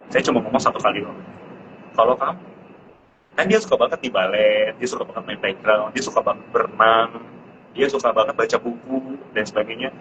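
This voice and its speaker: A man in his thirties, a parent sharing parenting tips in a casual live-stream chat, who jumps into a high pitch to mimic his child. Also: fairly quick, pauses often. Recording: muffled live-stream audio with background noise.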